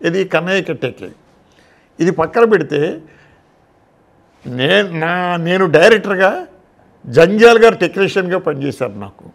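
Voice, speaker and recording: An older Telugu-accented man recalling his film career in an interview, with a gravelly, creaky voice that sits a little high. He tells stories and plays out the old exchanges. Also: lively intonation, measured pace, pauses often. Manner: storytelling, acts out past conversations. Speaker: film director, interview guest. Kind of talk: reminiscing interview talk.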